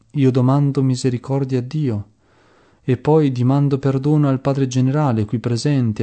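A man reading the part of a humble, dying old saint. He prays slowly and solemnly, pleading for mercy in a low, mellow voice. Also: natural voice. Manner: slow, solemn, pleading prayer. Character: dying elderly male saint, humble, pious.

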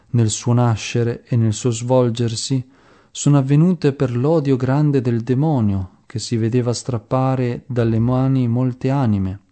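A man's voice: mid-range voice, dark tone, lightly acted. A man reading as a dying humble old saint. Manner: slow, solemn, pleading prayer. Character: dying elderly male saint, humble, pious.

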